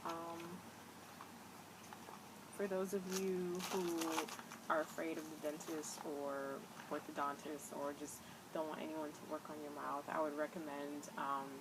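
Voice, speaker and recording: A woman's voice: deep voice, fairly even intonation, a little slow. A young woman with a slight whistle on her s sounds, chatting casually and rambling hesitantly to camera. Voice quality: slightly whistling s from new braces. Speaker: vlogger. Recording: loud background noise, amateur home recording.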